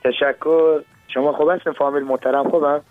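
A man's voice: fairly high pitch, flat delivery, soft background music. A man with a Herati Dari accent, a singer guest chatting politely on a radio show. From Herat, Afghanistan. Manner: polite, courteous greetings. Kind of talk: casual chat on a radio show. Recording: phone-like narrow sound.

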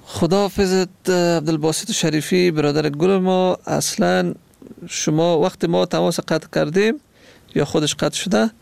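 A man hosting a radio phone-in, calmly explaining and soothing a caller. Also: high voice, gravelly, clean tone, no room sound. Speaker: radio host.

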